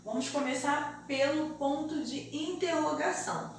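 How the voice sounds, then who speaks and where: A female Brazilian primary school teacher with a high voice and a Brazilian Portuguese accent gives a remote lesson. She explains things to young children slowly and deliberately in a sing-song way. The very echoey room, distant mic, and faint hiss shape the sound.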